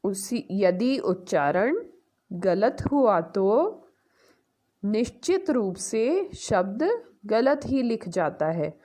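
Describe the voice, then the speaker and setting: A woman's voice: mid-range voice, sing-song, drawn-out words, warm tone. A woman teacher giving an online grammar lesson to young pupils, explaining step by step and asking the class questions before answering them herself. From India. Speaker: school teacher.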